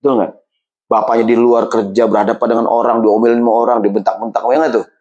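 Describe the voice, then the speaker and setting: A man gives a casual, humorous sermon. He keeps asking the listeners whether they agree, acts out everyday quarrels in different voices, and slows down for Quranic Arabic phrases. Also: medium pitch, level tone, a little mellow, dull audio. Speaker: preacher.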